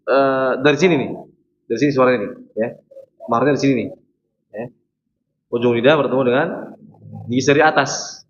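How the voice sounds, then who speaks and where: A man's voice: mid-range voice, normal speed, long pauses. A man teaching Quran pronunciation in a mosque class, patiently repeating letter sounds for students to copy. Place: mosque hall. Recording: dull lo-fi recording with faint noise.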